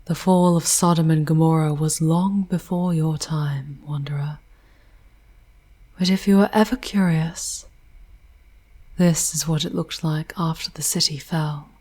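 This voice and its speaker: A woman plays a charming demon woman guiding a mortal in an ASMR fantasy drama. Her voice is low and heavily breathy, often sinking toward a whisper. She speaks slowly, in tender, wistful, poetic phrases with formal diction. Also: steady tone, darkish tone. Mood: solemn, guiding. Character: charming female demon Lilith, wistful, eloquent, tender guide. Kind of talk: ASMR roleplay, soft theatrical narration.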